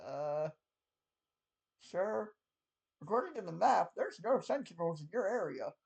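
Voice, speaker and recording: A man's voice: sits high, very animated, a little slow, vocal fry, a little mellow, exaggerated voice. A man voicing a nervous male military radio dispatcher who hesitates and stammers, with many "uh"s and "sir"s. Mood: flustered.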